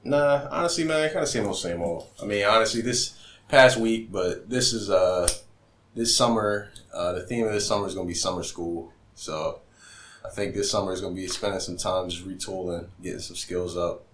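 A man co-hosting a casual chat, talking in a relaxed, rambling way full of filler phrases. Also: low-pitched, moderate pace, roomy sound, a little hiss or hum.

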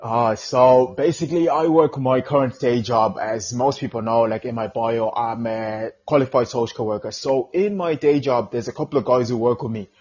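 A man in his twenties from Zimbabwe, a podcast guest answering casually and relaxed, with frequent fillers. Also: medium pitch, normal speed, hardly any pauses, husky, dull audio. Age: 20s.

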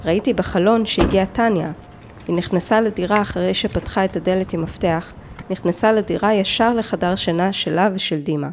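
A woman narrating a true-crime story, reading in a measured way with short, clipped phrases. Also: mid-range voice, slight background noise. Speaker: podcast narrator.

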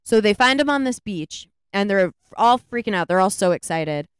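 Smooth-voiced woman rambling through a movie recap. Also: medium pitch, moderate pace, no room sound, clean studio sound. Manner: rambling, animated retelling with many "like"s. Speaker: podcast co-host. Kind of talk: casual movie review chat.

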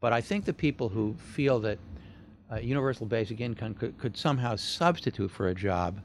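A man answering an audience question at a public talk in a measured, thoughtful way, with rhetorical questions. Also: medium pitch, animated, slight background noise.

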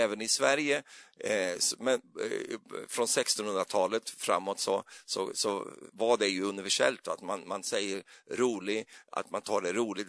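In a church, a preacher delivers a loose, chatty sermon, rambling and hesitant, with lots of fillers and little jokes. His voice is on the low side with a fairly bright tone, captured in a dry, clean studio recording.

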